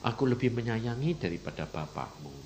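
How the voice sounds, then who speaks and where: A man voicing a tender, loving male divine figure, speaking low and hushed. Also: very animated, fairly quick, lightly acted.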